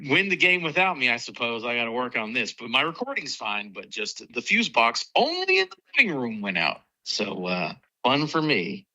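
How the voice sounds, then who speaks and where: A man's voice: medium pitch, wildly swooping pitch, normal speed, hardly any pauses, pushed and bright, low-quality recording. A man calling in on speakerphone as a podcast co-host, chatting casually in a matter-of-fact, shrugging way. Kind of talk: casual chat.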